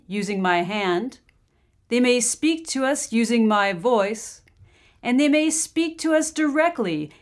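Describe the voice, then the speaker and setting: In an old-time radio drama, an actress plays a gracious, solemn seance medium, speaking formally and deliberately. Her mid-range voice is lightly acted.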